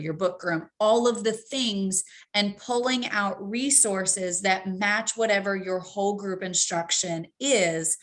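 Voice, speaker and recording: A woman's voice: mid-range voice, a bit bright. A woman presenting a professional development talk to teachers, practical and repetitive, with frequent ums. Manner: practical, repeats key points, frequent ums. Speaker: teacher trainer.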